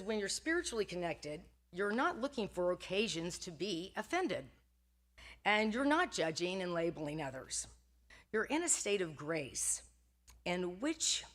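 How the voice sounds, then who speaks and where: An older woman giving a casual sermon at a Sunday church service, chatty and self-deprecating, laughing often and restarting her sentences. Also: lowish voice. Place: church sanctuary.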